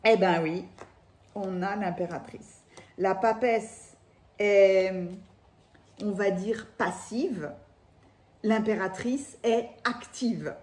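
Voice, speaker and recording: A woman's voice: medium pitch, slow pace, pauses often, darkish tone. A woman with a lisp on her s sounds gives a chatty, enthusiastic tarot reading, speaking off the cuff. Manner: enthusiastic, exclamatory. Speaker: tarot card reader. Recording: echoey room.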